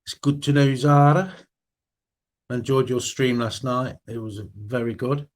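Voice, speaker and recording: On a relaxed evening live stream, a man chats with viewers from the live chat, greeting each by name in a friendly, easygoing way. His pitch is middle, and his talk is loose and unhurried.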